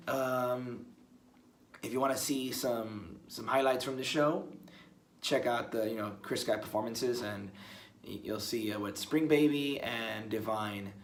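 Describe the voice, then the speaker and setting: A man's voice: on the low side, slight background noise. A young man talking casually in a one-take video blog, rambling and restarting his words often. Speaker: musician vlogger. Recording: roomy with faint ambience.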